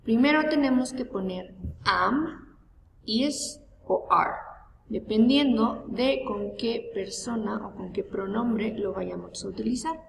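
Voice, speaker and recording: A woman teacher giving a bilingual grammar lesson, slow and deliberate, spelling out each example. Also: fairly high pitch, creaky, slight background noise. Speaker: English teacher. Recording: echoey room heard from far off.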